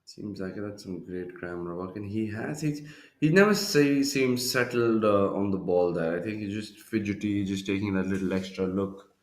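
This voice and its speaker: A man's voice: lowish voice, normal speed, darkish tone, echoey room. A man working as a golf commentator, hosting live tournament coverage from a studio. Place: broadcast studio.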